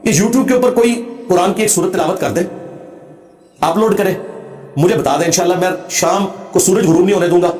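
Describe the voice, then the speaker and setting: A man's voice: high-pitched, brisk, darkish tone, reverberant. A man speaking as a religious speaker, lecturing emphatically and combatively and reciting Arabic phrases to make his point. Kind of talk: lecture answering a question.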